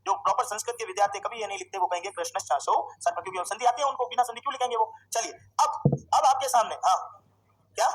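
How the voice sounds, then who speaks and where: A man teaching a Sanskrit grammar class, drilling students with questions and slowly repeating forms. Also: high-pitched, a bit bright, rough recording. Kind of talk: classroom lecture.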